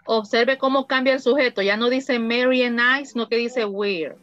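Woman teaching english slowly, kinda muffled dull sound. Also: on the high side, fairly even intonation, a bit bright. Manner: slow, careful, repeats phrases for students. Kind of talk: online class explaining grammar.

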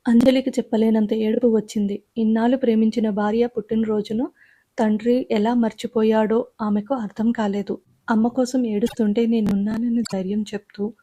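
A woman narrating an audio story in a steady, emotive storytelling manner. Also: on the high side, normal speed.

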